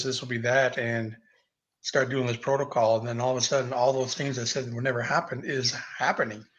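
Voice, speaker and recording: A man's voice: mid-range voice, a bit bright, poor audio. A man who is a guest on a casual livestream chat, speaking earnestly in loose, run-on sentences.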